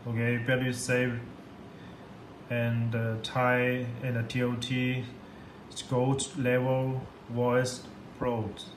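A man demonstrates software in an unscripted tutorial from a computer desk indoors, speaking in a slow, flat, mid-range voice. His simple non-native English is halting and repetitive, and the room is echoey with background noise.

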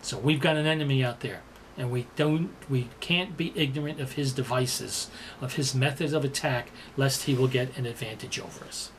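A man's voice: medium pitch, normal speed, slight background noise. A man preaching a sermon, explaining words and repeating the verse for emphasis. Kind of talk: sermon teaching.

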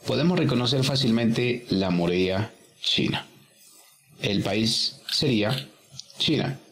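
A man's voice: mid-range voice, animated, unhurried, fairly bright tone. A man teaching English, working through a workbook exercise step by step and patiently repeating each answer.

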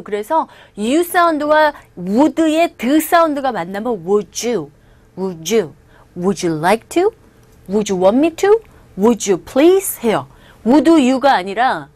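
A woman with a high, very animated voice gives an English lesson for Korean learners, acting out quotes in playful voices. The sound is dry and close, with no room around her. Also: dry recording. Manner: lively, acts out quotes with playful voices and laughs. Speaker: English teacher. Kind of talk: video lecture on English through film.

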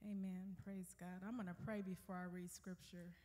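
A woman's voice: lowish voice, flat delivery, normal speed, warm tone, slight background noise. An older woman preaching a sermon in church, praying and reading scripture with frequent amens and hallelujahs. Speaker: guest preacher. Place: church sanctuary.

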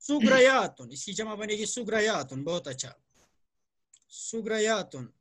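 A man from Jammu and Kashmir, India, teaches Arabic grammar to students over a video call. His voice sits very high for a man, with a bright, forceful edge. He speaks slowly and patiently, repeating each word and praising his students as they answer. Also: big pitch swings. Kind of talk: online grammar lesson with students.

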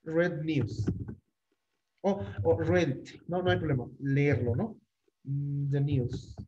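Man, English teacher in an online class, fairly high voice, patient, repeats everything; muffled lo-fi audio. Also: steady tone, slow pace, mellow, a little hiss or hum. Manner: patient, repeats phrases and keeps checking with "¿no?". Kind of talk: online class taught in Spanish.

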